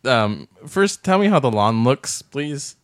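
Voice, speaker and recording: A man co-hosting a comedy podcast in casual chat, wry and deadpan, turning excitable now and then. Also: medium pitch, slow pace, no room sound, clean studio sound. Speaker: podcast co-host.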